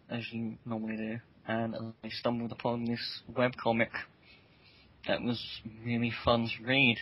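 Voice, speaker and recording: A man's voice: mid-range voice, husky. A man speaking candidly as a guest in a casual group interview. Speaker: guest, staff member. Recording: dull lo-fi audio.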